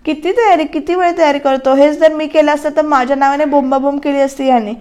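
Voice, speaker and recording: A fretful young wife, impatient and full of questions, voiced by a woman retelling a serial. The voice is high and light, and the delivery stays close to everyday talk. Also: steady tone, quick pace, a little mellow, close to an everyday voice.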